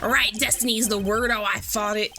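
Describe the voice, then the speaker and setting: A woman's voice: mid-range voice, fairly even intonation, brisk, bright, forceful tone, a little hiss or hum. A woman voicing a brash older noodle vendor, with a put-on folksy drawl of an accent that wanders. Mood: rueful.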